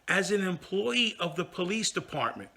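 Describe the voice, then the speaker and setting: Gravelly, bright-voiced man telling a story. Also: high-pitched, moderate pace. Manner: animated and indignant, with many restarts. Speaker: head of a law practice. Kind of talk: casual storytelling monologue.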